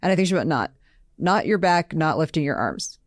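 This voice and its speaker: Speaking low-pitched and animated at a fairly quick clip, this American podcast co-host explains health questions in a chatty, conversational way. She's a nutritional therapy practitioner, and the recording is dry with clean studio sound.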